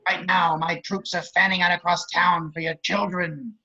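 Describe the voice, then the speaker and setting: Vengeful sneering villain: raspy, high-pitched, forceful, theatrical taunts. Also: male voice, flat delivery, moderate pace, dull audio, exaggerated voice. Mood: menacing. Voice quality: gravelly, raspy. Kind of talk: amateur table read of a film script.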